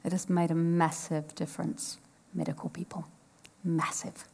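A woman's voice: lowish voice, little pitch movement, normal speed, gravelly, dark tone, breathy edge. A woman in her fifties from New Zealand, giving a frank, playful personal storytelling talk on stage and joking with a live audience. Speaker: speaker at a live event.

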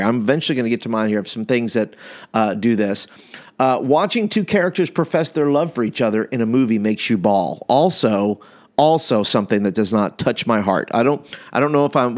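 Middle-aged pastor guy just rambling along, casual chat, keeps restarting his sentences. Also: mid-range voice. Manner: rambling, self-correcting, chatty.

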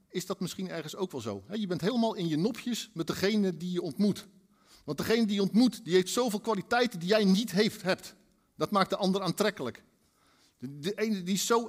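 A man preaching a sermon, acting out quoted voices in his storytelling. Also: high voice. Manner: animated, acts out quoted dialogue.

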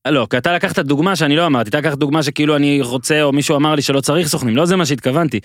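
A man hosting a podcast in casual chat, bantering and quick to joke and push back. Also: a little high, no room sound, clean studio sound. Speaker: podcast host.

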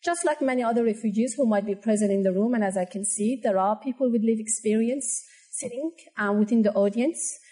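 A woman from Afghanistan giving an earnest, measured presentation as a panel speaker at a conference. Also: a little high, warm tone, poor audio. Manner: earnest, measured address to an audience.

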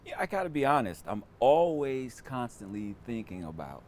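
A man's voice: mid-range voice, big pitch swings, normal speed, darkish tone, a little hiss or hum. A man in his fifties chatting casually as an interview guest, recorded outdoors in a backyard. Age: 50s. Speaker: interview guest, news director.

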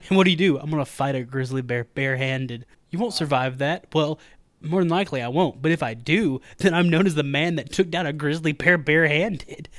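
A man co-hosting a podcast, joking around in an animated, casual way. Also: fairly high pitch, brisk, no echo. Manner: jokey and animated. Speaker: podcast co-host. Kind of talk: casual chat.

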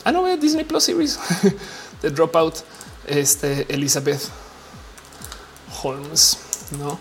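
A woman with a Mexican accent and a low voice, chatting casually to her viewers in a slangy, rambling way full of fillers. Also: sing-song, slow.

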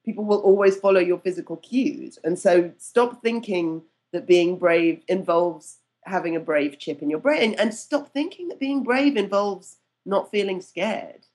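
A woman's voice: fairly low pitch, a little slow, hardly any pauses, a little mellow. A woman speaking as a podcast guest and coach, chatting casually, laughing easily and acting out remembered quotes with changed voices. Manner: laughs easily, self-deprecating. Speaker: guest, networking mentor and storytelling coach.

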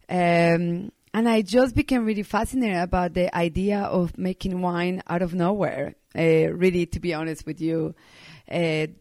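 A middle-aged Colombian woman, a native Spanish speaker, appears as a winemaker guest in a casual interview. Her voice is lowish and darkish with no echo, and she speaks earnestly, dropping in plenty of ums and uhs.

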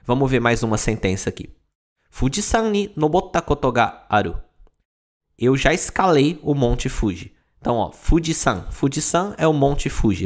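A man's voice: medium pitch, gravelly. A Brazilian man with a Brazilian Portuguese accent, patiently explaining Japanese sentences step by step in a language lesson. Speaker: Japanese teacher.

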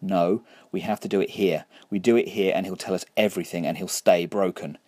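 A man's voice: low-pitched, steady tone, brisk, dark tone, no room sound, clean studio sound. A man reading the lines of a nervous, bookish American woman with an American accent who stammers. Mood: anxious. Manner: stammering, anxious.

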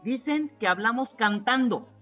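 Bright, lively Mexican woman radio host. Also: on the high side, measured pace, highs cut off, faint music behind. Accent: Mexican Spanish. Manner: casual, slangy, agreeing. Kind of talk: casual radio chat.

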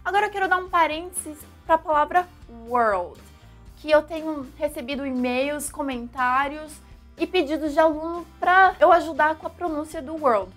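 In an energetic video lesson, a young Brazilian English teacher speaks with a Brazilian Portuguese accent and a voice that sits high. She talks at a moderate pace, with faint music in the background.

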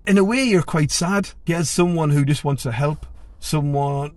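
A man's voice: fairly high pitch, moderate pace, a little mellow, no echo. A man, a longtime friend of a footballer, recalling events candidly and plainly as an interview guest. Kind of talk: interview recollection.

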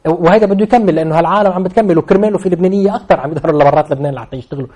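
Racing along in a high-pitched, darkish voice, a man with a Lebanese Levantine Arabic accent offers unscripted explanations as an interview guest. He comments on real estate and stresses his points by emphatically repeating phrases.

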